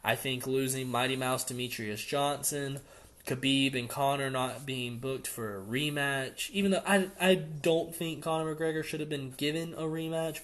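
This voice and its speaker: A man's voice: medium pitch, fairly bright tone. A young man co-hosting a casual podcast, giving his opinions in long run-on explanations. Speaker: podcast co-host.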